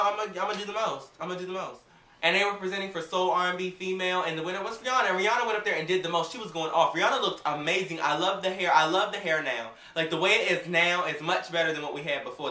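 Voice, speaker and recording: Sassy, animated woman vlogging in a roomy space. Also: on the low side, fast, recorded from a distance. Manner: sassy, animated and gossipy, acts out quotes. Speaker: vlogger reviewing an awards show. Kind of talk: casual chatty review. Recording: roomy, off-mic home recording.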